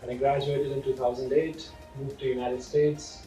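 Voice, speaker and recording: A man talks in a mellow, matter-of-fact tone. He sounds distant from the mic in a roomy space, with soft music in the background. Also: medium pitch, little pitch movement, moderate pace. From India. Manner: matter-of-fact, lists credentials steadily. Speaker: physiotherapy course instructor. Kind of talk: casual interview talk.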